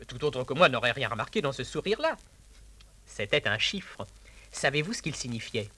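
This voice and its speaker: A sly, scheming valet who talks with wry relish for his own cleverness, his voice swooping up and down. The tone is bright and forceful, in the manner of a 1950s classical stage comedy. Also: mid-range voice, big pitch swings, moderate pace, husky, full character voice. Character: sly scheming male valet, mocking and talkative.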